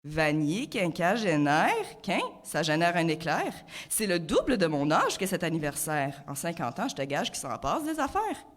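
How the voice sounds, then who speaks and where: Franco-ontarian woman in her twenties, comic rhyming chronicle, pitch bouncing all over, theatrical. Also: very animated, normal speed. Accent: Franco-Ontarian French. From Ontario, Canada. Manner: playful, wordplay-heavy, theatrical delivery. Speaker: comic columnist. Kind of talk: humorous rhyming spoken chronicle.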